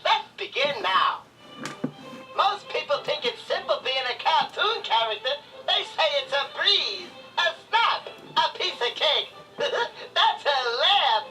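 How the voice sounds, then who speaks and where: A high, frantic cartoon rabbit telling a storybook tale. He jumps all over his range with theatrical, playful wordplay. The sound comes from some distance, with music clearly behind. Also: big pitch swings, slow pace, sharp tone, exaggerated voice. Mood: excitable. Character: manic, excitable male cartoon rabbit. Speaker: read-along narrator. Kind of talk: scripted storybook narration. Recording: distant record playback with music. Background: score music.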